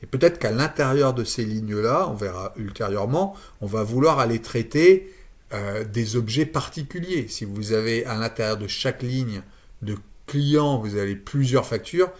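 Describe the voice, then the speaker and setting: A man giving a screen-share software tutorial, thinking aloud with frequent fillers and restarts. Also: mid-range voice, animated, normal speed. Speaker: automation tutorial presenter.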